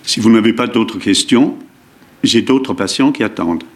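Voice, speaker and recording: A man voicing a calm, formal male doctor with a heavy foreign accent in a dubbed series scene. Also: lowish voice, normal speed, close to an everyday voice. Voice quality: stiff, polite, formal.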